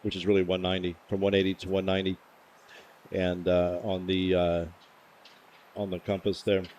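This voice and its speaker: A man with a very low, mellow voice hosts a plane spotting stream. He talks casually and rambles a little as he explains. There is light outdoor noise behind him. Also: monotone, normal speed. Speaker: plane spotting livestream host. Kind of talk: casual live commentary. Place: outdoors near airport runways.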